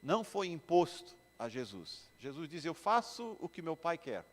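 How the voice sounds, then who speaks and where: A man with a Brazilian Portuguese accent preaches a sermon in a somewhat high voice. He drops into low, quiet asides and then climbs to loud, fervent declarations. His voice rings with the long reverb of a large hall. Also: very animated, normal speed. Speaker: pastor. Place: church hall.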